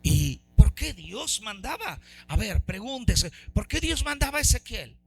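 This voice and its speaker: A man preaching a sermon as pastor, fervent, swinging between loud exclamations and soft low asides. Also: big pitch swings, measured pace, breathy edge.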